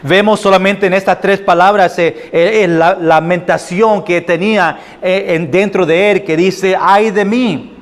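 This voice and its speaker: A man with a Puerto Rican accent preaching a sermon as pastor, halting often with fillers and restarts. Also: high-pitched, fairly even intonation. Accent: Puerto Rican Spanish. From Puerto Rico. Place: church sanctuary.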